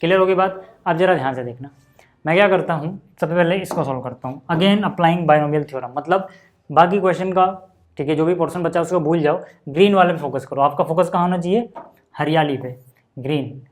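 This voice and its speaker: A man's voice: on the high side, a little fast. A man teaching maths at a board, chatty and explaining step by step, often asking if the class follows. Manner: chatty, asks check-in questions.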